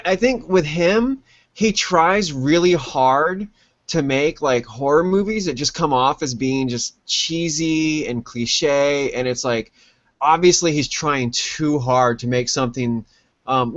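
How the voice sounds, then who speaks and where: A man's voice: a little high, animated, slow, dry recording. A man co-hosting a podcast who rambles with lots of fillers and gives blunt opinions during casual chat. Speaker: podcast co-host. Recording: dry, dull lo-fi sound.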